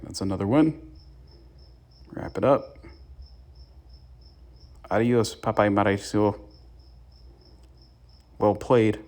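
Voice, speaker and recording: A man's voice: deep voice, a little mellow. A young man giving casual gameplay commentary and tips to his viewers as the channel's host. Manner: chatty, gives tips to viewers. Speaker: gaming YouTuber.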